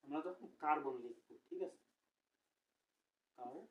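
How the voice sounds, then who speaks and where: A man's voice: on the high side, a little slow, recorded from a distance, slight background noise, rough recording. A young man teaching a recorded chemistry lecture, explaining step by step and asking the class questions, correcting himself as he goes.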